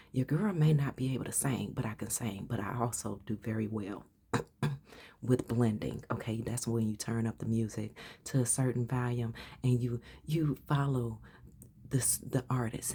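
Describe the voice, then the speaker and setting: A woman giving a casual, chatty tarot reading. She calls the listener honey and often drops into soft whispers. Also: rumbling low, breathy edge. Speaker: tarot reader.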